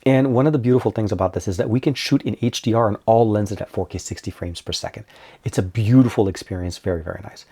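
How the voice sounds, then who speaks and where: A man's voice: on the low side, fast talker, warm tone, slightly rough. A man with a cold, giving an upbeat, informal tech product review and talking to viewers as you guys. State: getting over a cold.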